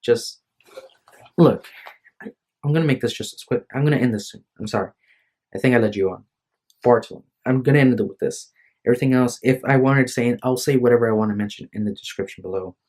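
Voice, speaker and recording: Talking fast in a mid-range, darkish voice, a tired young man records a rambling, casual vlog on his phone in a room at home. He comes across as hesitant and apologetic, restarting his sentences a lot.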